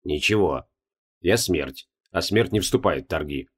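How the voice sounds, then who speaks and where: A man's voice: low voice, unhurried, breathy edge, pitched below the performer's own voice, full character voice. A man doing a cold blind old death god. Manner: flat, curt, detached.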